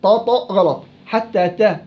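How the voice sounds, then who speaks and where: A man teaching Quran recitation rules to students in a classroom. He corrects them, repeats syllables to demonstrate each sound, and recites verses slowly. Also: high voice. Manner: slow, drawn-out recitation of verses. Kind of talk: tajweed lesson with students. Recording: dull lo-fi recording.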